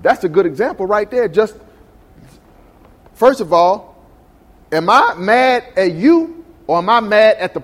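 Male pastor, very high voice, call-and-response sermon, long church reverb. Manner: call-and-response preaching, asks the congregation questions. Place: church sanctuary.

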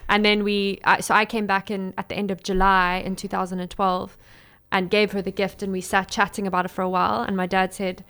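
A woman's voice: mid-range voice, level tone, brisk, fairly bright tone, smooth. A young woman with a South African accent chatting informally as an interview guest about her own work. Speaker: interview guest, small business owner and designer. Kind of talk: casual interview chat.

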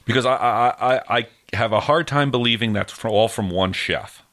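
A man's voice: mid-range voice, moderate pace, fairly bright tone. A man co-hosting a podcast in casual chat, rambling and trailing off with lots of fillers. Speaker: podcast co-host.

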